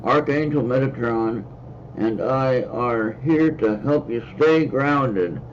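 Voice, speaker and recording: A man's voice: medium pitch, slow, slight background noise. An American man hosting a casual livestream card reading, talking in a rambling way with hesitant fillers and repeats. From United States. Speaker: host and card reader. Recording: slightly dull lo-fi stream audio.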